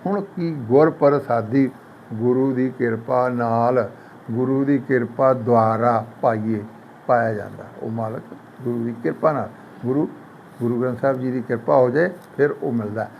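A man teaching the grammar of Sikh scripture in a devotional lesson, explaining slowly, repeating each point and chanting the quoted verses. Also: medium pitch, vocal fry, muffled recording, slight background noise.

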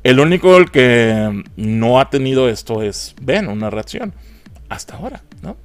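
Mocking Mexican man with a lively voice. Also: medium pitch, measured pace, smooth, dry recording. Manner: mocking, profane, laughs often. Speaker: film reviewer. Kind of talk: casual film review commentary.

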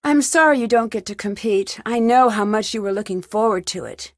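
In isolated video game dialogue lines, a woman voices an inquisitive, level-headed young female detective who asks questions in an earnest, probing way. Her medium-pitched voice is fairly quick and close to an everyday voice. The recording is dry, with clean studio sound.

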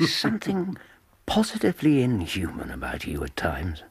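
Loyal English gentleman doctor, earnest and gallant, husky tone, expressive pitch. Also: moderate pace, exaggerated voice. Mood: indignant, curious. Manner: gallant, earnest, easily indignant. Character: warm-hearted, gentlemanly male English doctor, detective's loyal companion. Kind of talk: radio drama acting.

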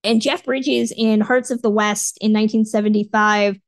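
A woman's voice: mid-range voice, fairly even intonation, normal speed, dry recording. A woman co-hosting a podcast, chatting casually and giving upbeat recommendations. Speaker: podcast co-host. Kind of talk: casual chat.

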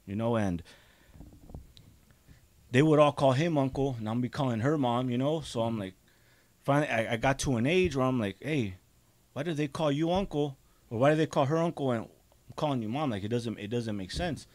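A man in his thirties, raised in Juarez, Mexico and in Azusa, California, tells his life story as a podcast guest, rambling and repeating "you know." He sits close to a studio desk mic in a small studio, and his mid-range, slightly mellow voice keeps a moderate pace with long pauses and no echo.

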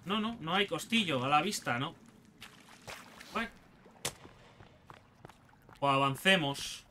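Bright-voiced Spanish man gaming. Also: fairly high pitch, expressive, slow pace, slight background noise. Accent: Spain Spanish. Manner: swearing, joking, talks to enemies. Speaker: gaming youtuber. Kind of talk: let's play commentary.

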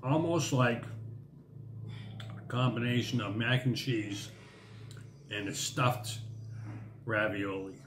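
A man's voice: medium pitch, fairly bright tone, slight background noise. Man talking while chewing, echoey room. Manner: halting, searching for words. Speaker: food reviewer. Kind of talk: casual food review. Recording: roomy echo with music behind.

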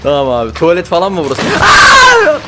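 A man giving live commentary while playing a horror game, jumpy and panicky, often yelling and swearing. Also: fairly high pitch, lively intonation, a little fast, heavy background noise.

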